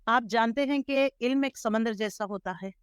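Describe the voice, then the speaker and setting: A middle-aged woman from Hyderabad, India, telling her life story as an interview guest in a measured, earnest way. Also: a little high, clear, resonant tone, no room sound, clean studio sound. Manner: measured, earnest storytelling with English words mixed in. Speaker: interview guest, Islamic scholar.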